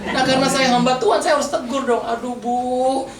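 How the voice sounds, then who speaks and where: A man's voice: very high voice, quick pace. A male pastor preaching a sermon and talking straight to his congregation in a plain, conversational way. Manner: conversational, addresses the congregation directly. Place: church hall. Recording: echoey hall, mic from far off, noisy.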